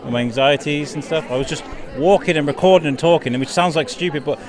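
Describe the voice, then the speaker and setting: A man's voice: on the high side, fast. A man hosting a casual podcast interview in a rambling, appreciative way. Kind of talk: casual chat. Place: busy wellbeing festival venue. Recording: outdoor-like hubbub of festival crowd. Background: crowd chatter.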